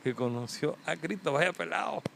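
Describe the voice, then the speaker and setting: A man hosting a casual podcast interview, joking and asking quick questions. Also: a little high, expressive, gravelly, fairly bright tone. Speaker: podcast host. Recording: faint background noise.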